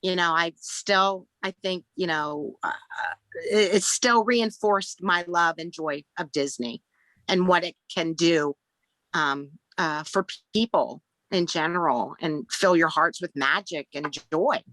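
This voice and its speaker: A middle-aged woman talks slowly and haltingly in an interview, pausing often as she holds back tears. Her voice is bright and forward. The sound is dry and close. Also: on the low side, dry recording, low-quality recording. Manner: slow, halting and tearful, many fillers. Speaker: guest, podcast host's mother. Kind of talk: emotional interview.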